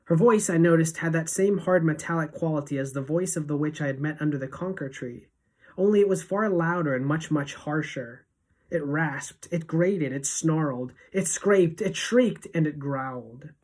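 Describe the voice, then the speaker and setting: A woman teacher reading a novel aloud to students, expressive and shifting between hushed and emphatic. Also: low-pitched, moderate pace, poor audio.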